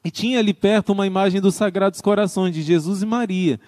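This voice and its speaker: A man's voice: high voice, fast, darkish tone, no echo, clean studio sound. A man, a religious brother, preaching in a tender storytelling manner and acting out a mother and her little daughter in dialogue. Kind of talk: storytelling sermon from a livestream.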